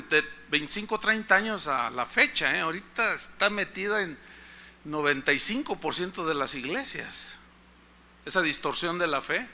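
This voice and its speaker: A man's voice: high-pitched, pushed and bright. A man with a Mexican accent preaching a conversational storytelling sermon, often asking the congregation questions. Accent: Mexican Spanish. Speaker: pastor.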